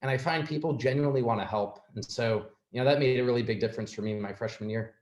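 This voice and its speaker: A man on an alumni panel, recalling his student years in a measured way with small hesitations. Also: medium pitch, darkish tone. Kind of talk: reflective panel talk. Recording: echoey room.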